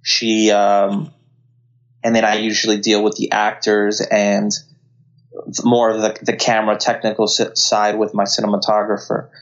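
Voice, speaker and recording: A man's voice: on the low side, completely flat delivery, a little slow, muffled recording. A man from Colombia, a filmmaker guest in an interview, talking earnestly and often restarting his sentences. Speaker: guest, CGI artist and filmmaker. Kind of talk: casual interview talk.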